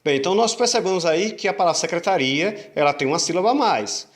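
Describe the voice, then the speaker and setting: A male teacher giving an online grammar lesson, patiently repeating rules, asking rhetorical questions and drawing out syllables slowly to show stress. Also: sits high, animated. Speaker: Portuguese teacher.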